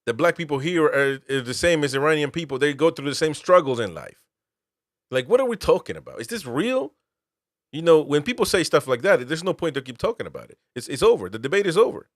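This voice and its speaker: A man's voice: on the high side, sing-song, fairly quick, no echo. Emphatic man from Peru, dry close mic. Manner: emphatic, incredulous rhetorical questions. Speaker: show host, military veteran. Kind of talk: political commentary.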